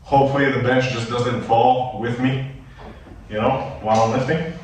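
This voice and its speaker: A man's voice: medium pitch, fairly even intonation, normal speed, darkish tone, a little hiss or hum. Non-native man, loose American-leaning accent. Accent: American-leaning English of a non-native speaker. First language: not English. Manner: loose, filler-heavy, talks like a gym buddy. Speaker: fitness vlogger. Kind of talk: casual workout instruction. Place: gym. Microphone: camera on a tripod at a distance. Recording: very echoey gym, distant camera mic, faint ambience.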